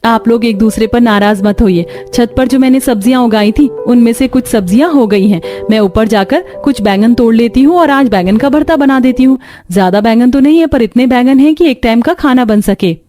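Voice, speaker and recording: A woman plays a kind, hardworking young village daughter-in-law in a cartoon, soft-spoken and earnest, her voice sitting fairly high. Light music hums behind her. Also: a little fast, close to an everyday voice. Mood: calming. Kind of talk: cartoon voice acting.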